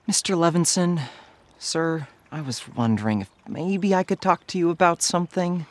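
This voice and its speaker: A man's voice: fairly high pitch, animated, normal speed. An earnest, worried scout in a short film, deferential and timid. His tone rises and falls a lot as he works up nerve to speak. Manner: timid and deferential, says sir constantly. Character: earnest, worried male boy scout, polite.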